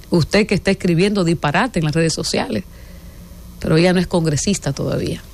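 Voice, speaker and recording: A woman from the Dominican Republic with a Dominican accent, giving an emphatic, indignant opinion monologue as a political commentator, stressing her points with deliberate force. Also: on the low side, gravelly, a little mellow, slight background noise. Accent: Dominican Spanish.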